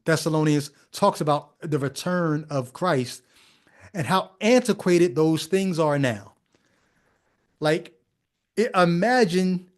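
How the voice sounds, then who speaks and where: A man hosting a podcast, commenting on a sermon clip in a wry, sarcastic way. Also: fairly high pitch. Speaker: podcast host. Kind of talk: casual commentary.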